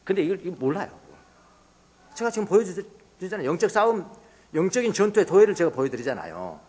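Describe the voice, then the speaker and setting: Male pastor preaching, kinda high voice, super lively up and down, long church hall echo. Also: fast talker, slightly rough. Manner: animated, swinging from hushed asides to loud exclamations. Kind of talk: sermon. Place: church sanctuary.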